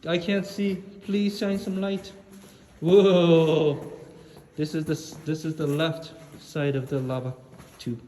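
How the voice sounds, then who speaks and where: A man touring a dark lava tube cave, reading the signs aloud and teasing with fake scares. His voice carries the cave echo. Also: a little high, level tone, takes it slowly. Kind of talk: casual tour chat, reading signs aloud. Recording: echoey cave with long reverb.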